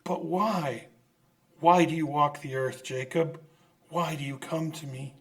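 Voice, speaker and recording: A man playing a crotchety, stubborn old miser who stammers and exclaims in an old-time radio drama. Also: on the high side. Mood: shaken, pleading. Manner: halting, exclamatory, stammering in fright.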